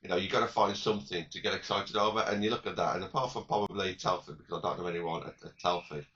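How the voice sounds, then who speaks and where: A man co-hosting a casual fan podcast, with a croaky voice, rambling and repeating his words as he talks. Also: deep voice, steady tone, fast talker, a bit bright, dull audio. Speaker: podcast co-host.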